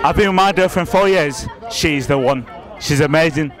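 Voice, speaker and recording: High-pitched young British man. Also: normal speed, fairly bright tone. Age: young adult. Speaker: street interviewee. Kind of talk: casual chat. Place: outdoors in a nightclub queue. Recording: crowd chatter in outdoor queue.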